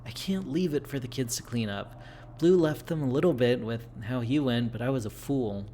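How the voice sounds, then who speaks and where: Ailing, stubborn mother for a game, gentle, tired delivery, male reader, faint background noise. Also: medium pitch, moderate pace, close to an everyday voice. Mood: weary.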